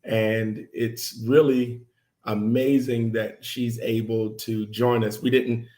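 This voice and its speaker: A middle-aged man hosting a casual talk show with his wife, speaking slowly with many fillers and restarts. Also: mid-range voice, level tone, mellow, echoey room. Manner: slow, halting, many fillers. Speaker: host.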